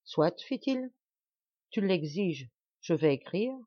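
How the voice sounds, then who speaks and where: A woman's voice: lowish voice, big pitch swings, takes it slowly, dry recording, lo-fi sound, full character voice. A woman reading a whining old marquis. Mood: grudging. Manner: moaning, plaintive. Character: elderly male marquis, whining and cowardly.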